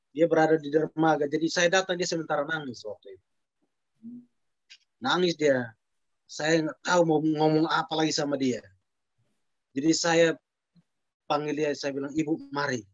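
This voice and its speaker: A man's voice: on the high side, dry recording. A man who is a pastor, earnestly recounting a story to a church group with quoted dialogue. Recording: dull dry sound.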